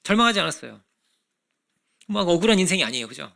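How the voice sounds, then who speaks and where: Gravelly bright-voiced male pastor. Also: sits high, fast talker. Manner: conversational preaching with frequent rhetorical questions; acts out children's voices in animated bursts. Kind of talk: sermon.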